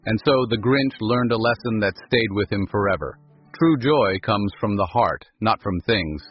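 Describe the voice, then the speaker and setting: A man narrating a scripted storybook in a calm, measured manner, over a dull recording with faint music. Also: fairly low pitch, slightly rough.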